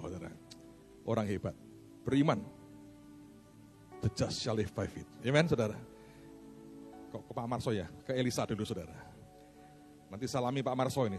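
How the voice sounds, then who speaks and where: A man preaching a sermon in a church, swinging from loud, urgent preaching to hushed storytelling. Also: medium pitch. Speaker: pastor. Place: church hall with congregation.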